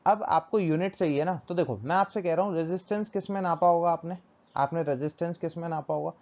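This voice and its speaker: A man's voice: fairly high pitch, brisk, a little mellow. A male teacher giving a physics lesson, asking questions and answering them himself, repeating key terms. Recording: dull lo-fi recording.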